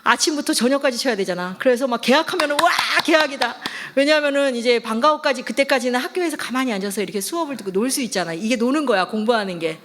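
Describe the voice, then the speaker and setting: A middle-aged woman, a pastor's wife, preaching a sermon through a lively personal story and acting out the voices she quotes. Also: a little high, fast talker, few pauses. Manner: lively, acts out quoted voices, laughs often.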